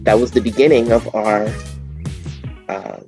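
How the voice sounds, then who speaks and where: A man from Miami, a guest singer, telling stories in a casual interview and acting out the quotes in high voices. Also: fairly even intonation, a little slow, gravelly, a little mellow, faint music behind. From Miami, USA. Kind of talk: storytelling in casual interview chat.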